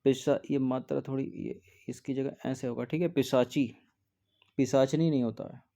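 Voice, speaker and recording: A man's voice: mid-range voice, steady tone, moderate pace, creaky, dark tone. A man teaching exam preparation, going through test answers one by one in a patient way and often checking in with "okay". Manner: patient, repeats "theek hai" often.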